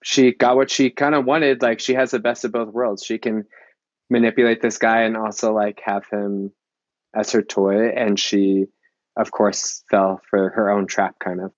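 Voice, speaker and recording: Man, podcast panelist, chatty, lots of "like", low voice, dry sound. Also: level tone, moderate pace, no echo, dull audio. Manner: chatty, heavy use of "like". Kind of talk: casual film discussion.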